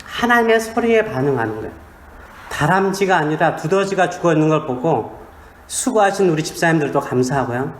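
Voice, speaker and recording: A man's voice: on the high side, lively intonation, brisk. A man, a pastor, preaching a sermon in a small church, with humor and questions put to the congregation. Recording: echoey church sanctuary.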